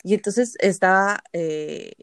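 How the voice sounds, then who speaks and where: A woman's voice: medium pitch, takes it slowly, clean tone, dry recording, clean studio sound. A Mexican woman co-hosting a podcast, chatting casually and telling stories animatedly, full of slang and swearing. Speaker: podcast co-host. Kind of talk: casual chat.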